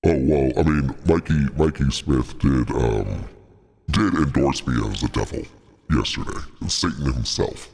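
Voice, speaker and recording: A man using a deep pitch-shifting voice changer to play a smug male Satan, talking slowly and haltingly with mock boasting. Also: gravelly, a little mellow, husky, long reverb tail, exaggerated voice.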